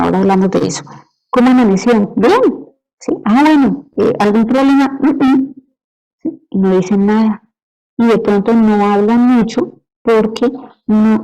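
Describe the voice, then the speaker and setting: A woman's voice: mid-range voice, mellow, poor audio. A woman lecturing on medicine, explaining patiently and checking in with her students after each point. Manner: explanatory, asks "¿sí?" to check understanding. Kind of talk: university lecture.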